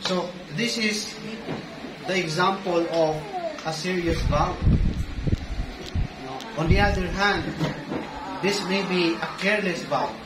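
A man's voice: takes it slowly, pauses often. A man in his thirties with a Filipino accent, seated at a stand mic and preaching a sermon in English and Tagalog, gesturing as he speaks. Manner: animated, gestures widely, rises in pitch for emphasis. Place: small church hall with curtains, indoors. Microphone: stand mic in front, seated, filmed by far camera. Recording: echoey hall mic from a distance, loud background noise.

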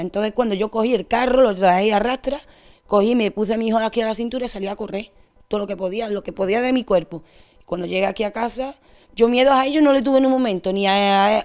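A young woman with an Andalusian accent, giving a distressed, rushed account as an interviewee. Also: on the high side, a little mellow. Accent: Andalusian Spanish. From Spain. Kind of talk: emotional testimony.

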